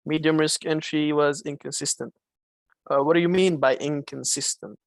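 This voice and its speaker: In a slightly high, creaky voice with fairly even intonation and moderate pace, a Malaysian-accented man fields viewers' questions during a live-streamed trading Q&A. The trading mentor is chatty and casual, full of fillers and restarts, and there's no room sound.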